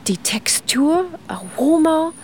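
A woman's voice: high-pitched, animated, slow pace, darkish tone, slight background noise. A woman guest in a radio interview who explains at length and with enthusiasm, speaking German with frequent non-native grammar slips. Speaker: guest ice cream expert.

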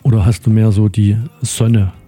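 Middle-aged radio host guy, rambles with lots of ums, super dark voice. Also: lowish voice, flat delivery, moderate pace, faint music behind. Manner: rambling, filler-heavy, friendly questions. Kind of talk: casual interview chat.

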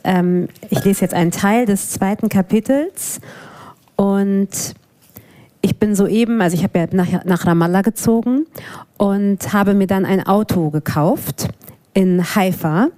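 A woman's voice: medium pitch, measured pace. A woman in her thirties from Hamburg, introducing herself casually and then steadily reading her own prose aloud at a live event. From Hamburg, Germany. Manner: relaxed, with fillers, reads prose steadily. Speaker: author reading from her book. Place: event venue before an audience.

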